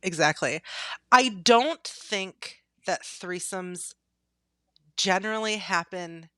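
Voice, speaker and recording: Bright, candid woman podcast host. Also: mid-range voice, slow pace, no echo, studio quality. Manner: candid, laughs easily, animated. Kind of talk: casual podcast chat.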